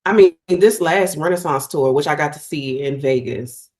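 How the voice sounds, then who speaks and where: A middle-aged woman, a singer, talking as a guest in a casual interview, animated and effusive, often restarting her sentences. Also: deep voice, moderate pace.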